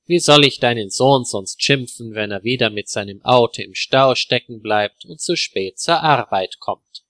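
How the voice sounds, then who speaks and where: A man's voice: mid-range voice, moderate pace, a bit bright, no echo, lightly acted. A man voicing a stern, reproachful boss. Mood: wry. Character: stern male office boss.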